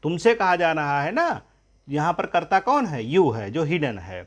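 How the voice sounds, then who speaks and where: A man teaching English grammar, asking questions and answering them himself, and dictating example sentences slowly, word by word. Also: a little high, sing-song. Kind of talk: grammar lesson.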